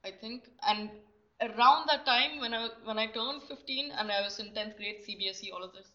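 A young woman chats on a podcast, candid and self-deprecating, tripping over restarts. Her voice is bright and crisp at the top. The recording is a little dull and lo-fi. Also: a little high, a little fast. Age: young adult. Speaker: guest. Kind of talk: casual podcast chat. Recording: slightly muffled lo-fi recording.

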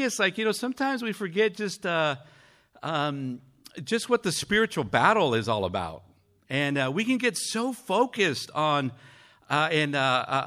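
A man from Mexico giving a conversational church sermon, earnest and halting as he speaks. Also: on the high side, sharp tone. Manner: earnest, halting with frequent fillers. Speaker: pastor.

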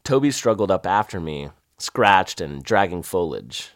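A man with a Southern accent narrating his own adventure in a wry, lively first-person storytelling manner. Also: low voice, a little slow, no room sound, studio quality.

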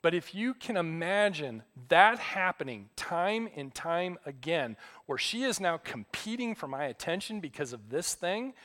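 A middle-aged man preaching as a pastor, telling stories in a relaxed, self-deprecating way. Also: on the high side, a little slow, few pauses. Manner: conversational, self-deprecating storytelling. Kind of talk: sermon.

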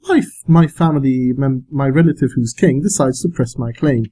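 A man's voice: mid-range voice, moderate pace, mellow, rough recording. A man on a casual podcast, telling a story in dry, clipped beats. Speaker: podcast co-host.

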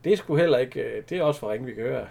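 A man chatting casually about an old film, animated and often laughing as he retells scenes. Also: mid-range voice, gravelly.

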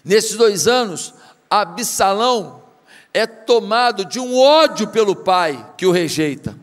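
High-voiced Brazilian pastor, echoing hall. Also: male voice, lively intonation, takes it slowly. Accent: Brazilian Portuguese. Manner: dramatic, rhetorical questions to the congregation. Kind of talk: sermon retelling a story.

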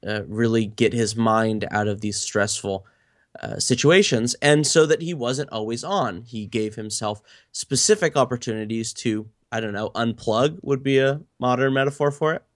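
A man's voice: mid-range voice, no room sound, studio quality. A man co-hosting a podcast, telling stories in casual chat with frequent fillers and restarts. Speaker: podcast co-host.

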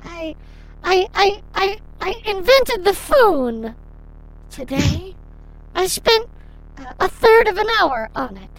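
A woman's voice: extremely high pitch, expressive, takes it slowly, pauses often, voice pushed up, exaggerated voice. A woman voicing a lonely, odd young woman heard in a vision, drenched in heavy old-style echo-chamber reverb. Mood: forlorn. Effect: heavy echoing reverb, like an old echo chamber.

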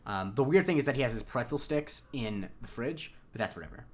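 Recapping a podcast episode as co-host, a man talks in an animated, brisk mid-range voice. His casual chat rambles, with lots of fillers and restarts.

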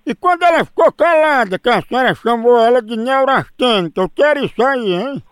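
A man's voice: very high voice, expressive, brisk, clear, resonant tone, no echo. A man making a prank phone call, teasing and mock-serious as he draws out his accusations. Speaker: prank caller.

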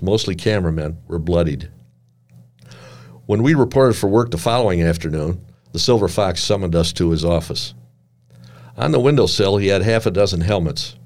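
An older man reading his own memoir aloud with measured, dry and wry storytelling. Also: low-pitched, a little mellow.

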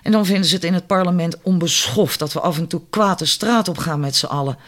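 A man's voice: high voice, fast talker, a bit bright. A man reading an audiobook, voicing a fiery, opinionated working-class woman who talks indignantly and bossily. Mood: indignant chatter. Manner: indignant, chatty, bossy.

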